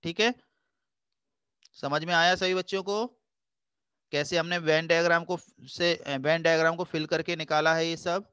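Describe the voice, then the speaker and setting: Patient male math teacher, crisp dry voice. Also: fairly high pitch, steady tone, sharp tone, no echo. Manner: patient, coaxing, calls students "beta"; slows down to read formulas aloud in English. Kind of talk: math revision lecture.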